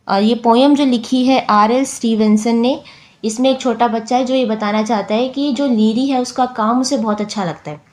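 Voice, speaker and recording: Patient woman teaching a poetry lesson. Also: fairly high pitch. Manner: reads English lines slowly, then explains them in Hindi; patient, counts syllables out loud. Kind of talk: explaining a school English lesson in Hindi.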